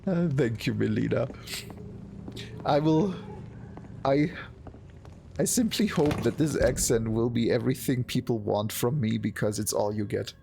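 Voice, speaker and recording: Slow, gravelly self-mocking male streamer. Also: medium pitch, noisy background. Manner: self-deprecating, laughs often. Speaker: game streamer. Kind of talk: casual gameplay chat.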